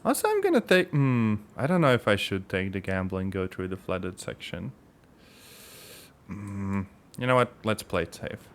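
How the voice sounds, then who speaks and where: A man's voice: deep voice, measured pace, slight background noise. A man streaming a game, thinking aloud in casual commentary with mild grumbles, game music playing behind. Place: home streaming setup.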